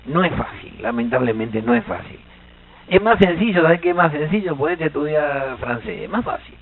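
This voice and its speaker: A man with an Argentine Spanish accent giving a lively seminar lecture as a Guaraní language teacher, joking and quizzing the audience. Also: fairly high pitch, moderate pace, creaky, narrow, tinny audio. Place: seminar hall.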